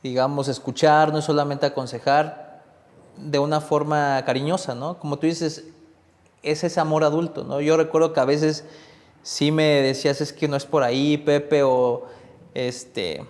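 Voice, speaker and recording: A man's voice: fairly high pitch, fairly even intonation, a little slow, darkish tone, long reverb tail. A man hosting a podcast, chatting casually with lots of filler tags and rephrasing. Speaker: podcast host. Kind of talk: casual interview.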